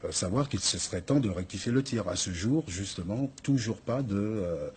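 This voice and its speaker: A man's voice: on the low side, animated, moderate pace, breathy edge. A man speaking as an association's guest in a studio interview, explaining hesitantly with many fillers.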